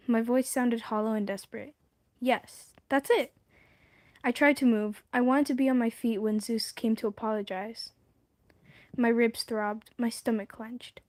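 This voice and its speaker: Lady livestreamer reading a novel out loud, mellow voice, keeps stopping to comment. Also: fairly high pitch, dry recording. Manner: stumbles over words and breaks off to comment. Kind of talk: casual read-aloud on a livestream.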